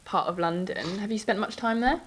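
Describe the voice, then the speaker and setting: A woman's voice: medium pitch, a little fast, husky. A woman interviewing a musician, gushing and enthusiastic. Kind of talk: casual interview chat.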